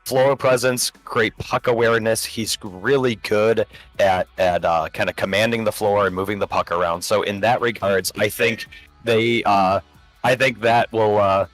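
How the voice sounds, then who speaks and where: A man with a low, raspy smoker's voice, roughened from being sick, works as a color commentator. He talks casually and conversationally through his analysis, with music behind him. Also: steady tone, moderate pace, low-quality recording. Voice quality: smoker's rasp. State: getting over being sick.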